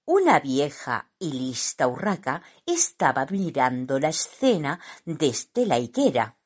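A woman reading a children's story aloud as narrator, in an expressive, unhurried way. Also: low voice, husky.

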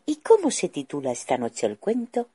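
A woman with a Spain Spanish accent reading a bedtime story to children, slow and gentle, husky. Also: sits low, huge pitch swings, no echo.

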